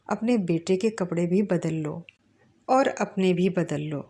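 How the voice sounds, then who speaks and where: A woman reading a calm, quiet man. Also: lowish voice, slightly rough. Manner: calm and measured.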